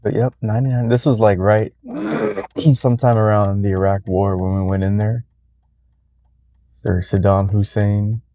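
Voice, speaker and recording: A man's voice: lowish voice, unhurried, pauses often, mellow, no echo. A middle-aged man rambling and musing aloud in a casual vlog, talking to the camera from his car. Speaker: vlogger. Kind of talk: casual driving vlog monologue.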